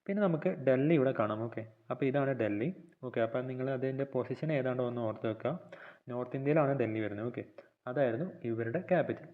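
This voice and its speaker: Malayali man teaching over a tinny line. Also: medium pitch. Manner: repeats points and quizzes the viewer; reads English lines slowly and deliberately. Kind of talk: textbook lesson explanation. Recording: phone-like narrow band audio.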